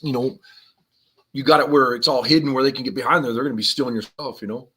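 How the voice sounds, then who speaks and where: A man's voice: mid-range voice, steady tone, quick pace, sharp tone, breathy edge. A man co-hosting a live survival podcast, telling stories in a rambling, slangy way and laughing as he goes. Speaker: podcast co-host. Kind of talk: casual live-stream chat.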